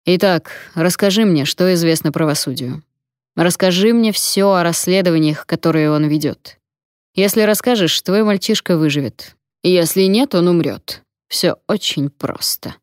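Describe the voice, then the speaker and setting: A sneering, short-tempered male gang boss who barks orders and mocks his captive, read by a woman narrator. The voice sits fairly low and sounds close and dry, with no room around it. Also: moderate pace, no echo, lightly acted. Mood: threatening. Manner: barking, mocking. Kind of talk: audiobook character reading.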